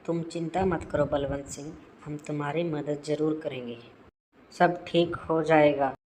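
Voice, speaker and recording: A woman voicing a calm, reassuring king in a cartoon story, formal and stately. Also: low-pitched, unhurried, slight background noise. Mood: calm authority. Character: calm, reassuring male king granting help.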